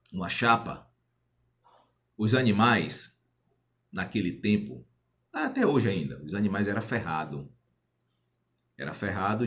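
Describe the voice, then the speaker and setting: A man telling a folk tale aloud, rambling and repeating himself as he goes. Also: lowish voice. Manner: rambling, repetitive, restarts words. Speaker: storyteller. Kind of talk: oral folk tale storytelling.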